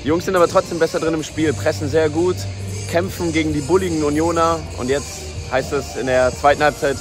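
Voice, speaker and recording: A man giving informal, partisan pitchside match updates in short clipped phrases, recorded outdoors at a football ground. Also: steady tone, a little fast, over music. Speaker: vlogger commentating on a youth football match.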